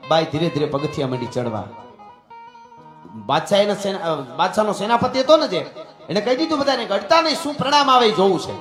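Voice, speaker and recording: A man's voice: sits high, animated, fairly quick, a bit bright. A man with a Kathiawadi Gujarati accent telling a folk tale on stage in a dramatic, rousing way, often turning to his listeners. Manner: dramatic, rousing delivery with asides to friends. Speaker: folk storyteller. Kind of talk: dayro folk storytelling on stage. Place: stage at a live gathering. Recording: echoey hall with faint music.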